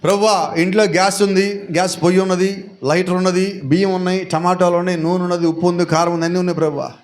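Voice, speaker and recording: A man's voice: high-pitched, level tone, fast talker, lightly acted. A man preacher mimicking a woman who prays in a whiny, pleading way, calling on the Lord after every phrase.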